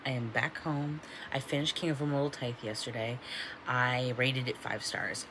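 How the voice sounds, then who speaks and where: A man's voice: medium pitch, steady tone, normal speed, music in the background, rough recording. A young man of about twenty chatting casually in a book vlog, rambling with lots of ums and restarts. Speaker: book vlogger. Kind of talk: casual bookish vlog chat.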